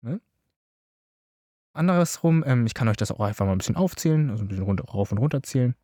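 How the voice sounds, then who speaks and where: Chatty man teaching dance, dark voice. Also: medium pitch, animated, fast talker, dry recording, clean studio sound. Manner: chatty, filler-heavy, addresses listeners directly. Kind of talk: informal spoken tutorial.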